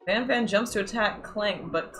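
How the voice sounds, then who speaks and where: A woman's voice: medium pitch, moderate pace, fairly bright tone. Woman narrating a dating game, laid-back and jokey, faint music underneath. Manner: joking, swearing, stumbling over the text. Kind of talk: casual let's-play reading.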